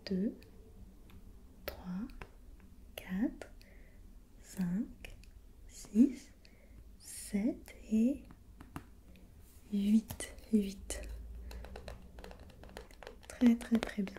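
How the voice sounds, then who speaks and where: In a soft, breathy whispered role-play, a woman takes on the part of a gentle, patient preschool teacher who encourages and repeats things softly. Her pitch is medium, and she speaks very slowly with long pauses.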